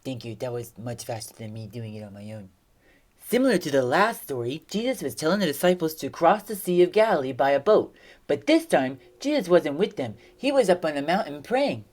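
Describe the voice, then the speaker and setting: A young woman teaching a children's Bible lesson, telling the story in an expressive, animated way. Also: deep voice, brisk.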